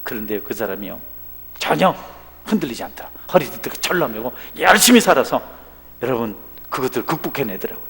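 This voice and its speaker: Animated man preaching in a reverberant hall. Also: medium pitch, fairly quick, creaky. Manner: animated preaching with dramatic swings in loudness. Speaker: pastor. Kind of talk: sermon. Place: church sanctuary.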